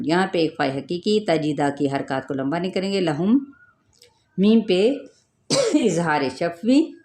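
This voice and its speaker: Slow, low-voiced woman teaching recitation. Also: darkish tone. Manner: explains rules step by step, stretches recited words slowly. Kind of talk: tajweed lesson, explaining then reciting.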